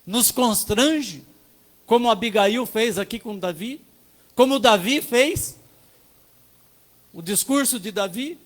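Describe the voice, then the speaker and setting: A man's voice: very high voice, slow, pauses often, low-quality recording. A man with a Brazilian Portuguese accent preaching a sermon at a church service, telling a story and speaking to the congregation as brothers.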